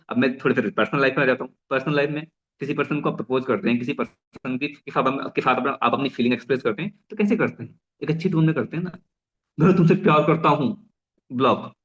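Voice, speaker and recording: Fast-talking business trainer, man. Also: medium pitch, lo-fi sound. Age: young adult. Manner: energetic, repeats and restarts phrases; mixes English phrases into Hindi. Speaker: network marketing trainer. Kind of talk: motivational business talk.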